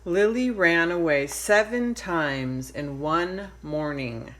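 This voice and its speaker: Slow, low-pitched woman reading a storybook. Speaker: storybook reader. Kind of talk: children's read-aloud narration.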